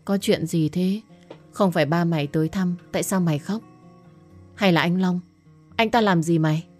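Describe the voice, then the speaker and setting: A woman voicing a young woman who is the blunt, worried best friend, talking fast and scolding. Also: lowish voice, darkish tone, soft background music, natural voice.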